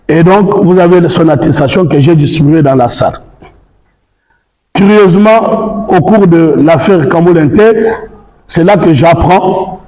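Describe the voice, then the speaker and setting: With a fairly high yet dark-toned voice, a lawyer from the Democratic Republic of Congo presents a formal, methodical statement. He builds his argument point by point and cites specific law articles. The recording was made in an echoey room.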